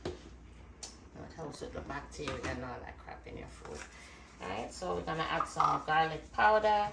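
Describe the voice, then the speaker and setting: This cooking demonstration is hosted by a woman with a low, creaky, animated voice who speaks at a measured pace and chats directly with viewers. The recording is roomy and distant from the mic, with music and heavy background noise.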